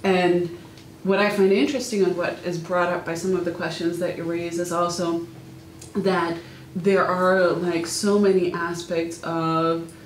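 A woman's voice: lowish voice, fairly even intonation, unhurried. A woman academic posing a tentative question in a group discussion, rephrasing as she goes. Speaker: academic, Europeanist. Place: small indoor meeting room. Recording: echoey room, faint noise.

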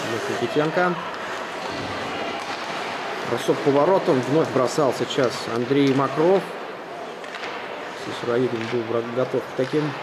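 A man giving live ice hockey play-by-play in short, clipped phrases. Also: mid-range voice. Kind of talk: live sports play-by-play commentary. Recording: very noisy arena, loud crowd. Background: loud crowd and rink noise.

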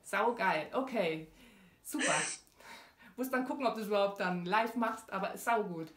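A woman's voice: mid-range voice, normal speed. A woman with a German accent, a tapping acupressure practitioner, leading a session by speaking phrases for the other person to repeat and encouraging her along. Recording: echoey room with faint noise.

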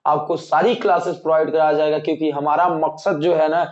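A man's voice: a little high, little pitch movement, fairly quick. A male teacher going through an exam syllabus, repeating key points and reassuring students he calls dear children. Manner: repetitive, assuring, addresses students as dear children. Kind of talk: exam-prep lecture. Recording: echoey room, dull lo-fi sound.

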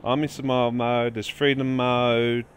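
A man's voice: mid-range voice, level tone, measured pace, a little hiss or hum. Chatty man narrating his gameplay. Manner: chatty, talks to game creatures while playing. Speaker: gaming livestreamer. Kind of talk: casual let's-play commentary.

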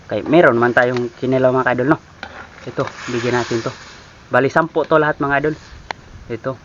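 A man's voice: medium pitch, a bit bright, dull audio, slight background noise. A man from the Philippines chatting casually to viewers in a cooking vlog, calling them idols again and again. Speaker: cooking vlogger.

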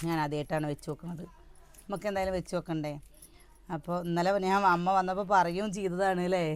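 Chatty woman with a sore throat. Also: low voice. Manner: chatty, addresses viewers directly. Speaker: cooking vlogger. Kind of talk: casual home cooking vlog chat.

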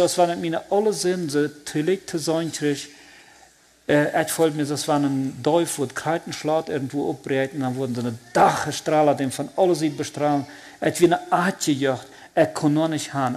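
Man, Plautdietsch accent, slightly high voice; earnest, halting, heartfelt testimony delivery. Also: a little mellow. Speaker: believer giving a personal testimony. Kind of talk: personal religious testimony.

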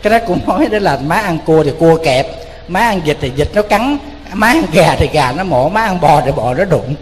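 A man with a Southern Vietnamese accent giving a lively, joking sermon as a Buddhist monk, telling stories and speaking straight to his listeners. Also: fairly high pitch, normal speed. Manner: lively, joking, addresses the audience directly. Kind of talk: storytelling sermon. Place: temple hall. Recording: long hall reverb with faint noise.

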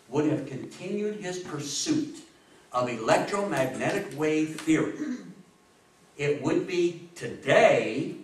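Through the echo of an indoor meeting room, a man with a slightly high, fairly bright voice gives an animated public history talk to a seated audience. The theatrical, emphatic lecturer uses dramatic pauses and repetition, recorded from far away by a camera microphone.

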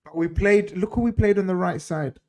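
A middle-aged man hosting a football chat from home over a video call, speaking into a desk mic. His voice sits slightly high. He is emphatic and hammers points home by repeating words. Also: fairly quick, darkish tone. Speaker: host.

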